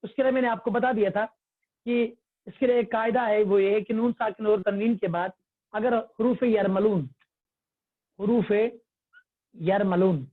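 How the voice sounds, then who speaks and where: A man's voice: high-pitched, steady tone, pauses often, dry recording. Man teaching over tinny phone audio. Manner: patient, repetitive, quizzing the class. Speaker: Tajweed teacher. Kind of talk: online religious class. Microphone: phone or computer mic on a video call.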